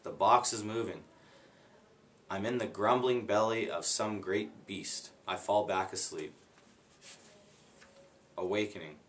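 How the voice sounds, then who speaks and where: A man reads a children's book aloud at an easy, unhurried pace. His voice sits low and plain, with no performance flourishes. Now and then he stops and rereads a line he stumbled on. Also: fairly bright tone. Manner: unhurried, plain reading, stops to redo slips. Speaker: guest reader.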